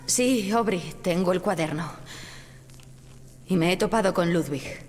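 A woman's voice: lowish voice, unhurried, close to an everyday voice. An actress playing a weary, sardonic but resolute woman in peril in a video game. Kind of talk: dramatic video game acting. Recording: hall reverb, faint background noise.

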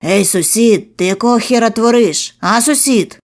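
A woman acts out a brutal male debt collector in an audio horror story. He barks threats loudly and slowly, menacing and crude. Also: on the high side, pitched above the performer's own voice, natural voice.

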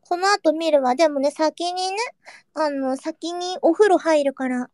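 A young woman streaming, chatting casually with her viewers and reading their comments, playful and quick to joke, sometimes dropping into a whisper. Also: high voice, darkish tone, no echo, clean studio sound. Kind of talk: casual livestream chat.

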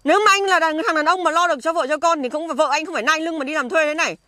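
An indignant wife with a Northern Vietnamese accent, played by a woman, scolding in a very high, bright voice at racing speed. The voice is dry and close, in an amateur outdoor skit. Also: rapid-fire, no echo. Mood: defiant. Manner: scolding, insistent. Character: hardworking wife, defiant and indignant. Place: outdoors in an orchard.

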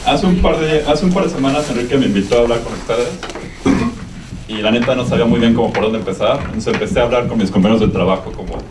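A man's voice: mid-range voice, fast talker. A young man with a Mexican accent giving an informal conference talk in a colloquial, hesitant, meandering way. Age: young adult. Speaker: guest speaker, media production worker. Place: university lecture room. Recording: echoey room, distant sound, background noise.

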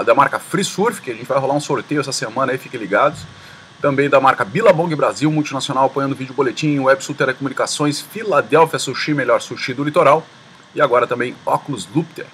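A man hosting a surf forecast voice-over, relaxed and slangy, talking to viewers as a crowd of friends. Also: medium pitch, quick pace, a little hiss or hum. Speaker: surf report host.

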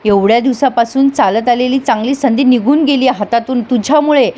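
A woman's voice: on the high side, a little fast, warm tone, close to an everyday voice. A woman voicing an angry scheming man, speaking in a harsh, scolding, threatening way.

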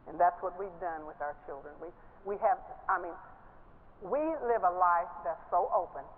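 An older woman preaching a sermon from a church stage, lively and laughing as she stresses her points. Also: moderate pace. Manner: animated, laughing, rising pitch when stressing points. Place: large church stage, indoors. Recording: tinny phone-like broadcast sound with faint hiss.

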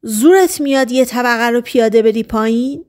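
A jumpy, quick-tempered man in an audiobook story, as a woman narrator reads him, snapping out short agitated lines. The voice is fairly high and hurried. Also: a little mellow, natural voice. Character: paranoid, hot-tempered grown man.

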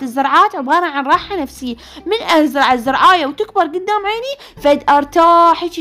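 Woman, Iraqi Arabic accent, very high voice, rapid delivery, chatty let's-play commentary, teasing and scolding. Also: a bit bright. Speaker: gaming video host.

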